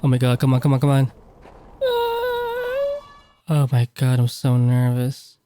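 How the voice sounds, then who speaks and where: A man's voice: medium pitch, level tone, a little slow, warm tone, slight background noise. A man giving commentary while playing a horror game, jumpy and nervous, cursing often. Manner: jumpy, swears a lot, nervous exclamations. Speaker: gamer.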